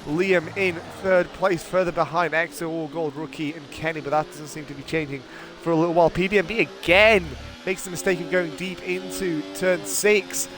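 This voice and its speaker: A man giving excitable, chatty live commentary on a sim race. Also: fairly high pitch, normal speed, hardly any pauses, over music. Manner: excitable, exclaims at contact, chatty.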